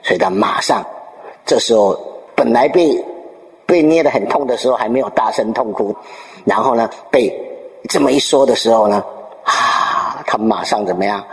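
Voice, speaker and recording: A man giving a Buddhist dharma talk, telling a Zen story with lively storytelling and rhetorical questions to his listeners. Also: medium pitch, moderate pace. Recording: long reverb in a hall.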